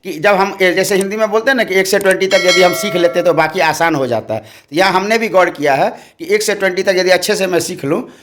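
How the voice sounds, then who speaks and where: A patient woman leads a home language lesson in a slightly low voice, repeating each answer back and explaining it step by step. Her voice carries a faint hiss behind it. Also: brisk, hardly any pauses. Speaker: parent co-teaching a home French lesson.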